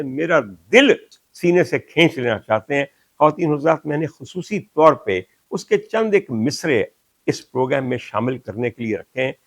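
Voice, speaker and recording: An older Pakistani man with a Pakistani Urdu accent hosts a talk show, reflecting on a poet in a monologue and sometimes reciting Punjabi verses slowly and with emphasis. His voice sits in the mid-range, and there is no room sound.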